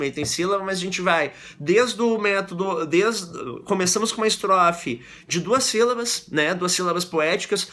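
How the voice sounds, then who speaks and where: A man giving a literature lesson, explaining in a conversational way with frequent tag questions and reading poetry aloud slowly. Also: high-pitched, pushed and bright. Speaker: literature teacher.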